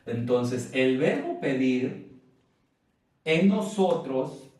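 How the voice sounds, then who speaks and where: A man with a Mexican accent teaching a Spanish grammar lesson, speaking deliberately and stressing syllables to demonstrate them. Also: mid-range voice, animated, darkish tone. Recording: very echoey room, from far off.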